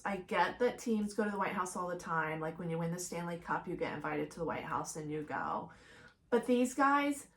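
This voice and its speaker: Fired-up, swearing woman podcaster. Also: mid-range voice. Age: middle-aged. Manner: fired-up, blunt and profane, heavy use of "like". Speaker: podcast host. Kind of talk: casual solo podcast monologue.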